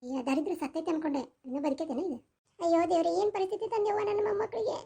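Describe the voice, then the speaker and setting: A woman voicing a fretful, sharp-tongued but loving old grandmother with a North Karnataka accent in a cartoon. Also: extremely high pitch, animated, rapid-fire. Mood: lamenting. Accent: North Karnataka Kannada. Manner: lamenting, scolding.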